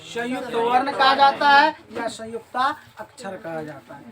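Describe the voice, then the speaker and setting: A woman gives a classroom grammar lesson in a high, bright-sounding voice. She keeps quizzing her pupils and echoes their answers back. The recording picks her up from across the room, with the class audible around her. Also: lively intonation, moderate pace, crowd noise. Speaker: Hindi grammar teacher. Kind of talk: classroom lecture. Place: classroom with students. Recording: distant mic, class of students audible.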